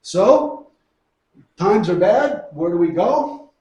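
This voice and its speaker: A man's voice: sits high, lively intonation, slow, darkish tone, highs cut off. A middle-aged man from New Mexico teaching a Bible lesson in a folksy, storytelling way, asking and answering his own questions. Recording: echoey room, far from mic.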